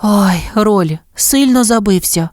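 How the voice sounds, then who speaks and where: A woman's voice: mid-range voice, expressive, moderate pace, darkish tone, no echo, studio quality, pitched above the performer's own voice, close to an everyday voice. A woman voicing a kind, capable mother dalmatian in a storybook reading, instructing her puppies. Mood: worried. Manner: instructive, encouraging.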